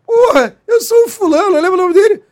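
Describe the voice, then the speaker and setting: A man's voice: very high-pitched, lively intonation, brisk, darkish tone, voice pushed up. A man voicing a young captured thief who pleads with him, his voice breaking near tears. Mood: pleading.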